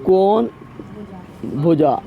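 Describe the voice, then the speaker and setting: Male math tutor, high-pitched, drills the class with repeated call-and-response questions. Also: animated, very slow, vocal fry, phone-quality sound. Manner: drills terms by repeating words three times. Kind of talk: live classroom teaching.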